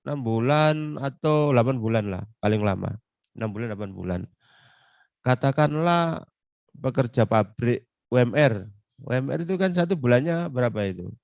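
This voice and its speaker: A middle-aged man with an East Javanese accent giving a chatty classroom lecture on law practice, acting out client talk in quick asides. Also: mid-range voice, darkish tone, no echo.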